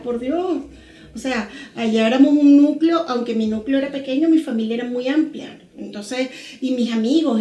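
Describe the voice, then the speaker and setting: A Venezuelan woman in her forties, a podcast guest telling her story in a lively, animated way with little sound words. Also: on the high side, echoey room. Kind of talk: casual podcast interview.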